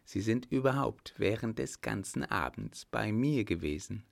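A man voicing a cautious plotting baron in a spoken storybook, speaking low and conspiratorially. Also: animated, measured pace, gravelly, exaggerated voice.

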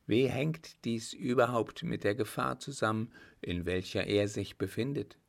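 Man doing a timid young woman, soft, formal, pleading, slow. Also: fairly low pitch, vocal fry. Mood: anxious, polite.

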